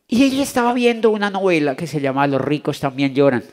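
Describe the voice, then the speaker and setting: Convention speaker: Latin American man, fairly high voice, animated storyteller who acts out the voices. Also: fast talker. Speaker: motivational speaker. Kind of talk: storytelling talk to a live audience. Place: convention hall.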